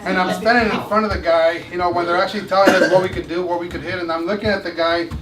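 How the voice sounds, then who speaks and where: A man telling stories to a small live group as a motivational speaker and former boxer. He is animated, laughs often and repeats phrases. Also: high voice, racing. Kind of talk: storytelling talk to a small group. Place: indoor room with a live audience. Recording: echoey room, distant mic, background noise.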